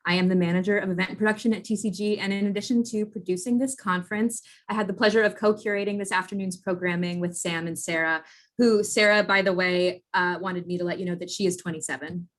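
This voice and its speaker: A woman in her late twenties hosting an online conference panel over a video call, talking in a warm, grateful, bubbly way. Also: on the low side, steady tone, fast talker. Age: 20s. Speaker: event production manager and conference host.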